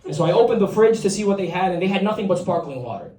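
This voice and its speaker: A man's voice: sits high, lively intonation, very fast. Young man from Puerto Rico, stand-up comic, conversational crowd-teasing, distant mic. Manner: conversational, teases the crowd, self-deprecating. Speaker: stand-up comedian. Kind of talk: stand-up comedy set. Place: comedy club stage. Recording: roomy club recording from a distance with a loud crowd.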